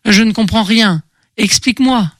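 A woman narrating a first-person novel in an audiobook, steady and expressive. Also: a little high, moderate pace, dry recording.

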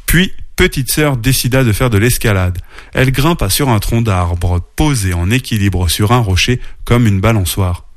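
A man narrating a children's storybook aloud in a playful, expressive read-aloud manner. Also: lowish voice, normal speed, dry recording, studio quality.

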